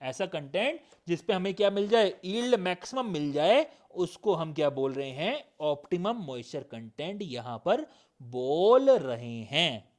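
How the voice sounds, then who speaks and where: Man teaching, high voice, slow deliberate delivery, sore throat, reads definitions aloud word by word. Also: sing-song. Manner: drills points with repeated questions. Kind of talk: recorded lecture.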